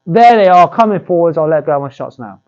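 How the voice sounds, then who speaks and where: A man's voice: fairly high pitch, animated, fast talker, darkish tone, lo-fi sound. A man coaching boxing pad work, demonstrating drills with short cues and encouragement.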